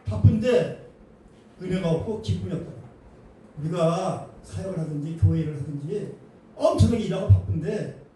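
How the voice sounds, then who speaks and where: A male pastor preaching an animated, emphatic sermon with colloquial humor in a church. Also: high voice, normal speed. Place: church sanctuary. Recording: echoey hall, distant mic, faint noise.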